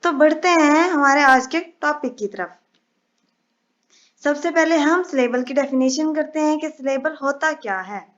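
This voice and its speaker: High-voiced woman teaching a slow lesson. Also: highs cut off. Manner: patient, explains step by step, reads English definitions slowly. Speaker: English teacher. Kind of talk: explanatory lesson.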